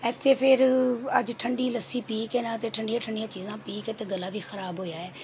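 A middle-aged woman with a Punjabi accent and a hoarse throat, chatting homely through her daily cooking vlog. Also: a little high, fairly even intonation, brisk, a little mellow, a little hiss or hum. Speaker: cooking vlogger. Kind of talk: casual vlog voice-over.

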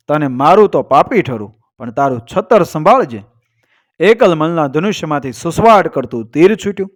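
Male storyteller with a Gujarati accent, slightly high voice, dramatic folk tale narration with chanted couplets. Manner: lively recitation, rising for quoted lines and chanted couplets.

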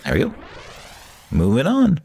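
A man's voice: a little high, huge pitch swings, a little slow, creaky, dark tone, breathy edge, faint music behind. A man giving casual commentary while he plays a strategy game, thinking aloud about his moves and reading out game dialogue. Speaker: gamer playing a strategy game mod.

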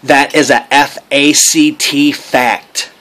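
A man's voice: medium pitch, fairly even intonation, takes it slowly, pushed and bright, a little hiss or hum. Cocky young man cutting a wrestling promo. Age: young adult. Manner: cocky, blustering, mock-tough boasting. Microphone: phone at arm's length.

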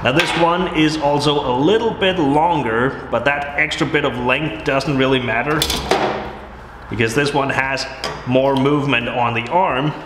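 Guy chatting away while wrenching on a truck, boomy garage, lots of clatter. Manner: relaxed, chatty, with small laughs. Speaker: vehicle restoration vlogger. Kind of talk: casual workshop commentary. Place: cold workshop garage. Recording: echoey workshop with loud noise.

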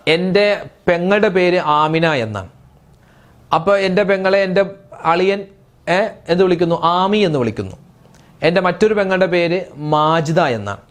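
Young man preaching in relaxed chat. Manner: conversational, addresses listeners directly; drops soft and low for quoted prayers. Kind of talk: religious speech.

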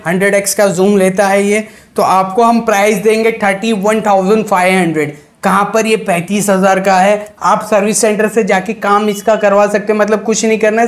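A young man with a distinctly high voice presents stock like a shop salesman. His patter is chatty and addressed straight to the viewer, with English words mixed in. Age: young adult. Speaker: second-hand phone seller presenting shop stock. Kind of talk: sales pitch to camera. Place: small mobile phone shop, indoors. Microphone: lapel mic.

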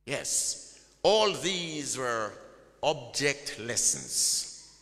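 A man preaches a sermon in a large church hall, emphatic and call-and-response, drawing out his key words. His medium-pitched voice is very animated, very slow, and sharp, and the hall's reverb is long.

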